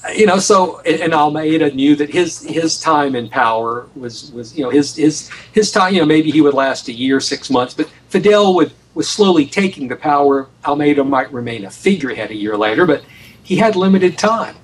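A man's voice: a little high, animated, moderate pace, breathy edge, recorded from a distance, poor audio. An American man telling a story as an interview guest, emphatic, often repeating and restarting his phrases. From United States. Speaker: guest author on a radio show.

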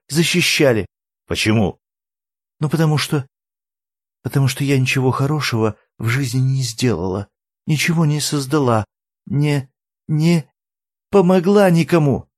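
A man's voice: normal speed, no room sound, studio quality, lightly acted. A man reading an audiobook, voicing a tearful young woman who pleads and blames herself. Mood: self-reproaching. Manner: high, pleading, breaking into sobs.

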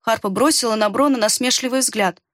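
A woman reads a fantasy story in steady, measured narration. Her voice sits a little high and sounds dry and close to the mic. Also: no echo. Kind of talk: scripted audiobook narration.

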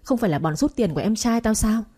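A sharp-tongued middle-aged sister-in-law, put on by a woman narrator jabs and mocks in quick bursts that jump up high. Her voice is husky and mellow under the taunts. It is an audio storybook reading. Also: lively intonation. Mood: defiant. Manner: mocking, scolding, quick jabs.

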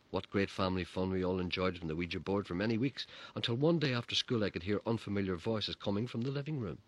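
A man's voice: sits low, a bit bright. A man telling a childhood story with dry, wry humor. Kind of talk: personal story narration.

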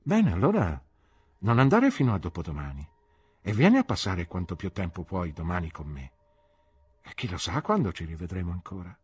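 A man doing a breezy, boisterous young gentleman. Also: deep voice, sing-song, moderate pace, slightly rough, full character voice. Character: jovial careless young gentleman. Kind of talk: audiobook reading.

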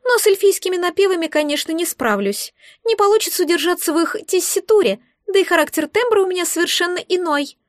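A woman voicing a cheeky, chatty male magic egg with a squeaky, rude, boastful manner. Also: expressive, quick pace, no echo, studio quality.

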